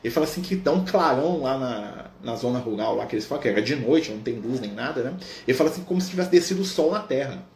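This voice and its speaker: A man leading a Spiritist study, telling a story in an animated way and tagging almost every phrase with a questioning "right?". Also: medium pitch, fast, hardly any pauses. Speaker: Spiritist study group leader. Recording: echoey room with faint noise.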